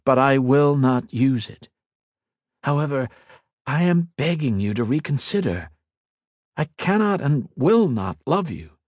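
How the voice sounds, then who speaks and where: A man's voice: medium pitch, animated, a little slow, darkish tone, no echo, studio quality, pitched above the performer's own voice. A man playing a proud young mage lord. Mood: pleading. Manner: firm, clipped replies.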